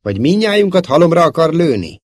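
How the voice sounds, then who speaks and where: A man's voice: mid-range voice, expressive, creaky, no echo, clean studio sound. A man voicing a young princess who talks in a scolding, imperious way. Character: young princess, commanding and sharp-tongued.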